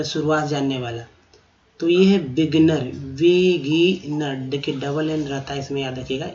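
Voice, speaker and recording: A man teaching English vocabulary, saying each word, spelling it out and repeating it slowly. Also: a little high, a little mellow, highs cut off. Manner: slow, drawn-out repetition of each word. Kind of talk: spelling and pronunciation lesson.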